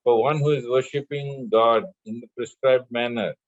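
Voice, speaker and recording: A man teaching spiritual lessons in a measured way, chanting scripture verses between his explanations. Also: medium pitch, steady tone, dry recording, lo-fi sound. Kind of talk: spiritual discourse with scripture recitation.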